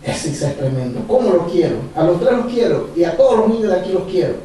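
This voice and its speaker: A male pastor preaching a sermon, animated and repetitive, chuckling as he speaks. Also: high voice, fast, a little hiss or hum. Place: church hall. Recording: echoey church from far off.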